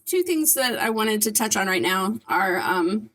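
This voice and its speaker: A woman's voice: mid-range voice, expressive, measured pace, fairly bright tone. A woman talking casually to camera in a vlog, articulating carefully around dentures, with a slight lisp and hard, whistling S sounds. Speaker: vlogger.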